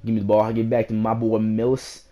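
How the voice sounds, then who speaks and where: A young man giving loud, hyped, slangy commentary over his own basketball gameplay as a channel host. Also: fairly low pitch, completely flat delivery, fast, highs cut off. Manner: hyped, shouting bursts, slangy trash talk.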